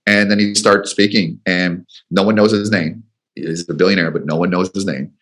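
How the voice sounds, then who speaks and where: A man's voice: deep voice, fairly even intonation, normal speed, a bit bright. A man, a business coach guest on a radio show, telling a rambling story and acting out the quotes.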